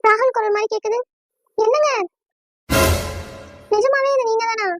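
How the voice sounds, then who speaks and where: A woman's voice: fairly even intonation, moderate pace, no room sound, lo-fi sound, soft background music. A woman voicing a young bride-to-be in a cartoon, tearful and devoted, with emotional, pleading speech. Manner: pleading, emotional, high-pitched. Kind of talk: cartoon voice acting.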